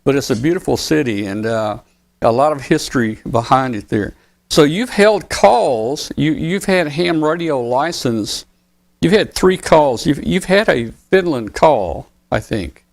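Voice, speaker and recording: A man's voice: mid-range voice, animated, a little slow, gravelly. A man hosting a live ham radio talk show, interviewing a guest in a friendly, chatty manner with frequent restarts. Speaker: show host.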